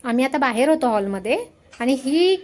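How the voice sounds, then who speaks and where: A woman's voice: high-pitched, expressive, fairly quick, a little mellow. A young woman chatting casually to camera in her home kitchen while coaxing her toddler. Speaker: vlogger and mother. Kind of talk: casual home vlog chat.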